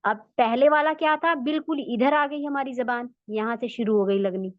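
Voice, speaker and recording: A woman's voice: on the high side, normal speed, no echo. A woman teaching Quran recitation in Urdu-accented speech, going step by step and patiently repeating the sounds for practice. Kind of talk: slow step-by-step lesson. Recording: dull, dry lo-fi audio.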